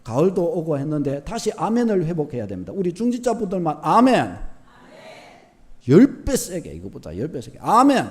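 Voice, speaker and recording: Male pastor, high lively voice, dramatic sermon delivery swinging from quiet to loud. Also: moderate pace, slight background noise. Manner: animated, shifts from soft to loud, acts out short dialogues. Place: church sanctuary.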